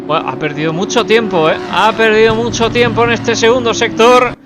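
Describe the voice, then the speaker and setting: A sim racing commentator calls the action live, exclaiming when positions change, while loud car engine noise roars behind him. His voice is high-pitched, fairly quick, and fairly even in intonation.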